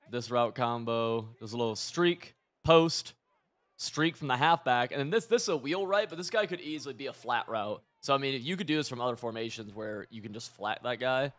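Over his gameplay, a hoarse, medium-pitched gaming creator delivers live commentary in an excitable, rambling way. He keeps bouncing from coaching tips to side stories.

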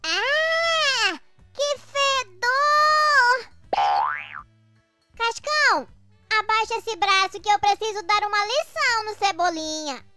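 An actor voicing a hot-tempered little girl, indignant and quick to threaten, in a children's comic dub. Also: extremely high pitch, bright, forceful tone, faint music behind. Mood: angry.

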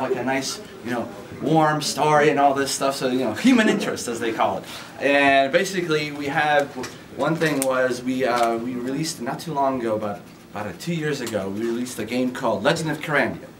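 A man's voice: medium pitch, moderate pace. A man who works as a community manager tells a rambling, casual anecdote in an interview. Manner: chatty, rambling storyteller. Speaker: community manager at a game store. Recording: distant mic with faint background noise.

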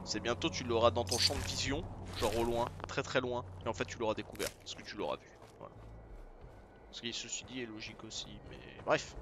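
A man's voice: mid-range voice, fairly even intonation, a little fast, heavy background noise. A man giving casual, chatty, self-mocking commentary over his gameplay, talking to his viewers. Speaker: gaming YouTuber. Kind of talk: casual let's play commentary. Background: game music.

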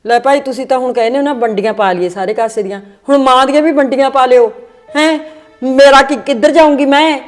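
High, aggrieved mother figure, acted by a woman. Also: quick pace, soft background music, natural voice. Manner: aggrieved, lamenting. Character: distressed mother of two quarrelling sons. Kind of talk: family comedy skit acting.

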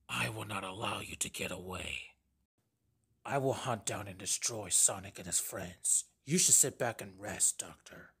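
A man voicing a menacing, arrogant android hedgehog with a gravelly, husky voice, delivering grandiose threats like a video game villain. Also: fairly low pitch, pushed and bright, heavily acted. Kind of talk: video game character voice demo.

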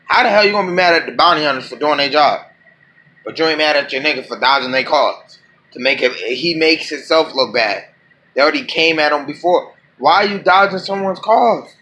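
A man reacting to a video clip in a profane, animated rant. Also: on the high side, brisk, slight background noise. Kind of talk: casual reaction commentary.

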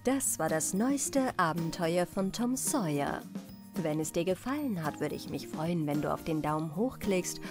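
Slow, soft-voiced woman telling a bedtime story. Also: lowish voice, animated, music in the background. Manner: soft and slow, whispering at tense moments. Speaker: audiobook narrator.

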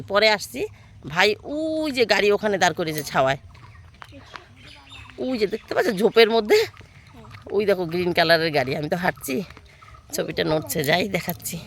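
A woman's voice: medium pitch, slight background noise. Woman walking around a village filming on her phone, chatty, faint outdoor sounds behind. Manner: chatty, pointing things out to viewers. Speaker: vlogger. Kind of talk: casual walking vlog. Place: outdoors in a village among trees.

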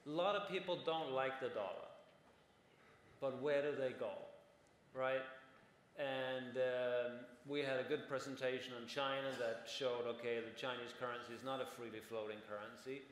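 A man's voice: medium pitch, steady tone, normal speed, a little hiss or hum. A man in his forties speaking as a panelist at a conference, explaining at length and often checking in with "right?". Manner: explanatory, frequent "right?" tags. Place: large conference hall on stage. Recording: roomy hall with long reverb.

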